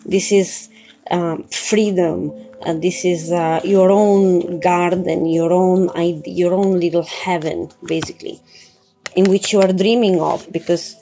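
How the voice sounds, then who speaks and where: Slow and lowish, with fairly even intonation, a woman gives an informal live tarot reading as a spiritual coach, often repeating words while she hunts for them. The recording is rough, with loud music beneath her.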